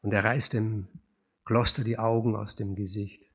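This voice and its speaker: A man retelling a classic tragedy as a spoken story, animated and dramatic, with hesitations and repeated words. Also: on the low side, normal speed.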